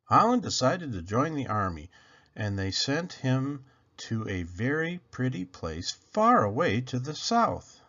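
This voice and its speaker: A man reads a children's picture book aloud for his channel, adding dramatic emphasis and asking the listeners questions. His medium-pitched voice is bright and forceful, swings widely in pitch, and moves a little slowly. The recording has a dull, lo-fi sound.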